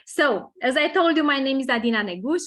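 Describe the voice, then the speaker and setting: A Romanian woman hosting an online presentation over a video call, welcoming people slowly and repeating her words. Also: high voice, lively intonation, fairly bright tone. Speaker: webinar host.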